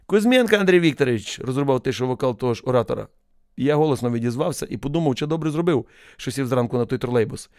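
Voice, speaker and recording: A man's voice: mid-range voice, fast, warm tone, no room sound, studio quality. A man narrating a first-person story as an audiobook, in a wry, ironic way.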